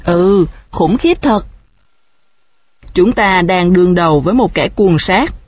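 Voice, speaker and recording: A woman's voice: on the low side, expressive, slow, a little mellow, slightly rough, no echo, full character voice. A woman reading the lines of a shrewd elderly male detective, patient and lecturing, in a storybook reading. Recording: dull, dry recording.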